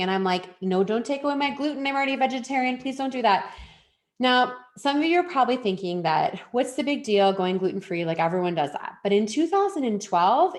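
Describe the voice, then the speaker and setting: Woman, wellness program founder, live webinar host; chatty, enthusiastic, mid-pitched.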